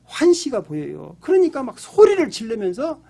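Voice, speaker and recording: A man's voice: extremely high pitch, wildly swooping pitch, moderate pace, gravelly, warm tone. A man, a Korean pastor, preaching a sermon with emphatic storytelling and acted-out pleas. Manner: emphatic storytelling, acts out pleading voices.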